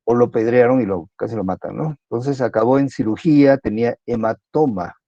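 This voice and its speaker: A man's voice: medium pitch, brisk, warm tone, no room sound. A man giving a university lecture in a chatty way, often ending sentences with a question. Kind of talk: online class lecture. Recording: dull lo-fi recording.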